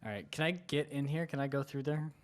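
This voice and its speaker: A man's voice: fairly high pitch, fast. A man playing a tabletop game, chatting casually and asking questions.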